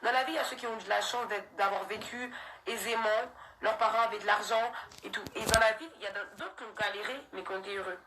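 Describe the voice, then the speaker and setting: A young woman livestreaming to her followers launches into a defiant, slangy rant that keeps circling back on itself, with laughs breaking in. Her voice is medium-pitched and quick, with background noise.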